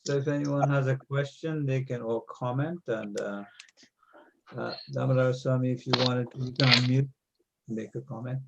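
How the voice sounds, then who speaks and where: Guy moderating a class, creaky mid voice, noisy dull call w clicks. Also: medium pitch, fairly even intonation, normal speed. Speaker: class moderator inviting questions.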